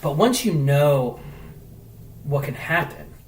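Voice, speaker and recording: Slow speech and a fairly high pitch mark this man, a travel blogger telling a story as a podcast guest on a distant mic. The casual chat is animated, thick with "like" and swearing, and the recording is echoey and off-mic with light hiss.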